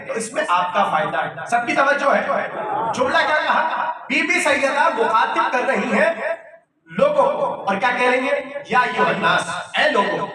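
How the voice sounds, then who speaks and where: A male cleric giving a sermon at a mourning gathering. He recites Arabic phrases, explains them, and keeps asking the audience rhetorical questions. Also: sits high. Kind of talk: majlis sermon. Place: large prayer hall with a live audience. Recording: echoey hall, distant mic, background noise.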